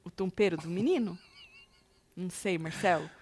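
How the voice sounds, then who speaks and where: A woman's voice: fairly low pitch, moderate pace, a little mellow. A woman co-hosting a celebrity gossip show, chatty and teasing, reading out viewer comments.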